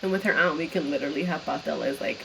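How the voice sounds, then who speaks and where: A woman's voice: deep voice, fast talker, creaky, background noise. A woman co-hosting a casual chat at home, blunt and slangy, swearing freely. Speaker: co-host.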